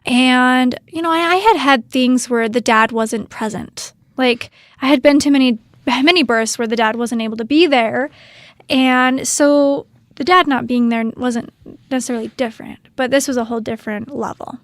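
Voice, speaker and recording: A woman doula and podcast co-host, telling a moving story softly, holding back tears. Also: sits high, normal speed, dry recording. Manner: emotional, soft-spoken, holding back tears. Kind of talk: casual storytelling. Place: Utah.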